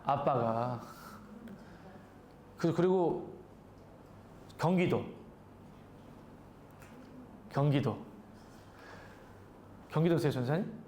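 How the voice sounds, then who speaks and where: A man's voice: fairly high pitch, expressive, very slow, long pauses, a little mellow, slight background noise. A male pastor preaching a sermon in a conversational way, asking the congregation questions. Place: church sanctuary.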